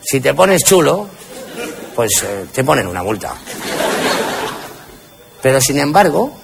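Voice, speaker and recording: A man's voice: mid-range voice, sing-song, takes it slowly, creaky. A man with a Spanish accent doing crude, punchy stand-up comedy, recorded live with audience noise. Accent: Spain.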